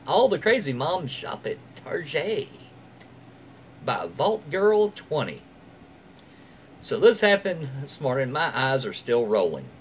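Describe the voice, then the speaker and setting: In a small room in his home, a middle-aged American man reads stories from the internet aloud, sounding like a host chatting casually with his audience. His voice sits in the middle range and moves lively up and down, peppered with folksy, informal remarks. There is a faint hum of room noise.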